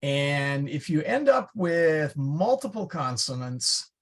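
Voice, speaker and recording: A man's voice: fairly high pitch, sing-song, takes it slowly. A man teaching a Latin class in a casual, chatty way, often stopping to correct himself. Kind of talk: classroom lecture. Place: church classroom.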